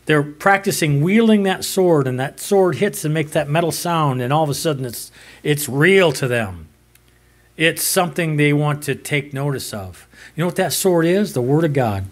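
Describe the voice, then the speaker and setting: Older man preaching emphatically at a pulpit. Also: on the high side. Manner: emphatic preaching, swings from loud to soft. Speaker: pastor. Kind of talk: sermon. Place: small church sanctuary, at a pulpit.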